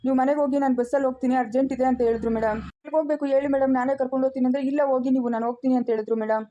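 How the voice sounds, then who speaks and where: A woman's voice: high voice, steady tone, dark tone, highs cut off, slight background noise, voice pushed down, lightly acted. A woman voicing a polite, deferential driver in a Chikkaballapur Kannada accent. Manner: deferential, quick reporting.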